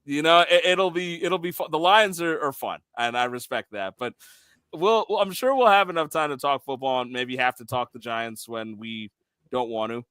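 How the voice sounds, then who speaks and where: A man co-hosting a sports podcast, chatting casually as an excitable storyteller who makes quick asides. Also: mid-range voice, clean tone, no room sound, studio quality. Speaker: podcast co-host.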